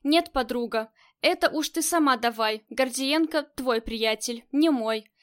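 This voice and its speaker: A woman voicing an excited, loud male gangster associate in an audiobook, talking in slang. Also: high-pitched, unhurried. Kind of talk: audiobook character reading.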